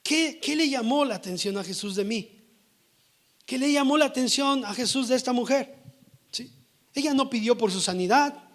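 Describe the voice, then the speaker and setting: A man delivers a sermon in a notably high voice. He keeps checking in with his listeners and swings from emphatic, pressing lines to hushed, intimate asides. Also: moderate pace, long pauses. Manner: keeps asking the congregation "¿sí?" for agreement. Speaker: preacher.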